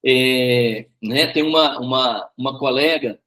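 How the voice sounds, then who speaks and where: A man's voice: medium pitch, slow pace, a bit bright. A man teaching a Bible study and telling a personal story, often repeating words and tagging his sentences with questions.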